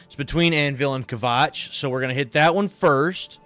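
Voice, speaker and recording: A man's voice: mid-range voice, normal speed, fairly bright tone, soft background music. A tired man giving rambling gameplay commentary on a livestream, thinking aloud with many fillers, over a headset mic. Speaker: streamer.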